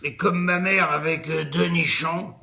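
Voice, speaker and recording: A man voicing a six-year-old boy with a surprisingly deep voice, deadpan and matter-of-fact. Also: a little slow, gravelly, full character voice.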